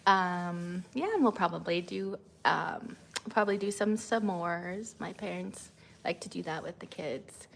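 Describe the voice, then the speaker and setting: A woman's voice: measured pace, vocal fry. A woman, chatting casually on a livestream, rambling with many fillers. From Canada. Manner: rambling with many fillers, high sing-song when coaxing her child. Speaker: vlogger and mother.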